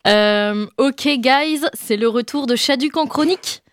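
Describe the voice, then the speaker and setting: A young woman delivering a comic chronicle in a chatty, self-mocking way, full of quick asides to her listeners. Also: on the high side, no room sound, studio quality. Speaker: radio columnist. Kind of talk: comic monologue column.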